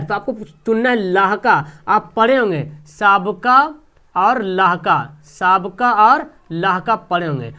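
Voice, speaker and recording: A man's voice: high-pitched, a bit bright. A man teaching an online exam-prep grammar lesson, explaining step by step, repeating key terms and quizzing students with repeated questions.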